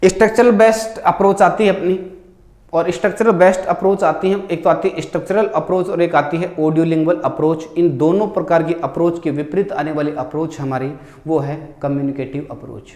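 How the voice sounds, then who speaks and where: A male tutor, speaking in a fairly high voice. He asks his listeners questions and then answers them himself, and he reads English quiz lines out slowly, one word at a time. The room around him is echoey. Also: steady tone, darkish tone. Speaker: teacher. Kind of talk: exam-prep lecture.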